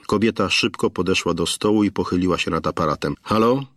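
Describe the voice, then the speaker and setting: Low-voiced man narrating a crime story. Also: quick pace, a bit bright, no room sound, studio quality. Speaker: audiobook narrator. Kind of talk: scripted narration.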